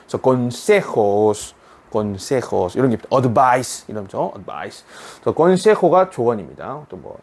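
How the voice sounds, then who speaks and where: A Korean man teaching a beginner Spanish lesson, explaining grammar step by step and reading example sentences slowly. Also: mid-range voice, very animated, darkish tone. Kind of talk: online language lesson.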